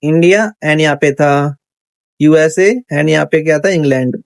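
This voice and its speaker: A coding instructor records a casual screen tutorial, chatty and thinking out loud, often checking in with "theek hai." His slightly high voice stays steady and unhurried, with vocal fry, in a dry recording.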